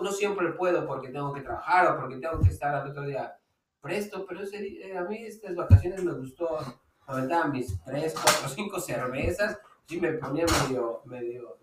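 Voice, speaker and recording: This man speaks with a Mexico City accent, pitched a touch high, and drifts easily into laughter and casual swearing as he tells stories. He sits back from the mic in a roomy, echoey space. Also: animated, brisk, slight background noise. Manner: laughs while telling anecdotes, swears casually. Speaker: podcast co-host. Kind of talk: casual chat. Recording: echoey room, distant from mic.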